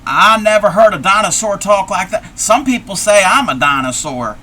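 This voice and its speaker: A man's animated, sharp-toned voice sits high at normal speed as he plays a befuddled, folksy old grandmother on a live stream. She's confused by technology and speaks in old-fashioned exclamations.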